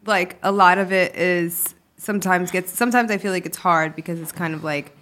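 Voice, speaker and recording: A woman's voice: on the low side, fairly even intonation, normal speed, a bit bright. A young woman from New York hosting a casual interview, chatty and affirming, with long rambling questions. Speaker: interview host.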